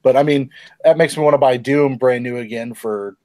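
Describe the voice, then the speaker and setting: A man's voice: mid-range voice, moderate pace, a little mellow, dry recording. A man hosting a gaming podcast, reading news in a loose, rambling way and swearing often. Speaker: podcast host. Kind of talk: casual gaming news chat.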